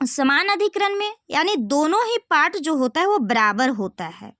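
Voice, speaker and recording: High, lively woman teaching grammar. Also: normal speed, no room sound, studio quality. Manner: explains step by step, asks rhetorical questions to students. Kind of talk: classroom-style video lesson.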